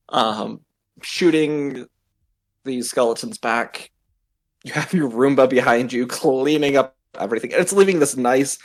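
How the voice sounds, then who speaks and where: A man running a tabletop game as game master, relaxed and laughing often, with hesitant fillers. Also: medium pitch, a little slow, pauses often, dry recording.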